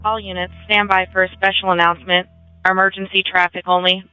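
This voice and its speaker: A man's voice: sits high, level tone, fairly quick, bright, forceful tone, smooth, soft background music, poor audio. A man giving a terse radio announcement as an emergency dispatcher.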